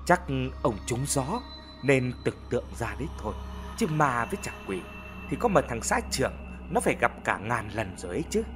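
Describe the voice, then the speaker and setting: A man voicing a practical village wife who brushes off her husband's fears in a brisk, reassuring way, in an audio story. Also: medium pitch, very animated, over music, natural voice. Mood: dismissive.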